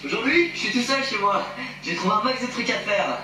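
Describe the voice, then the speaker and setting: A man's voice: high voice, expressive, brisk. A young man giving playful, ironic vlog commentary. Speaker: youtuber. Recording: far-off, very echoey, loud music behind.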